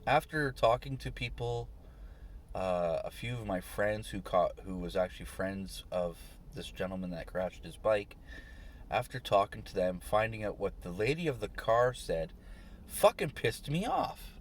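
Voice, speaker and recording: A man's voice: fairly low pitch, normal speed, a little hiss or hum. Tired, irritated man venting. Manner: swearing, ranting, rising to shouts. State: tired, short on sleep. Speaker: vlogger. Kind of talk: angry ranting vlog.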